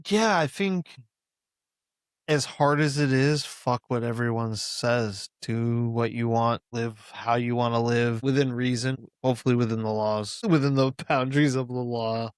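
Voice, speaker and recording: A man's voice: mid-range voice, steady tone, unhurried, smooth, dry recording, studio quality. A man co-hosting a podcast in casual chat, blunt and profane, laughing easily. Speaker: podcast co-host.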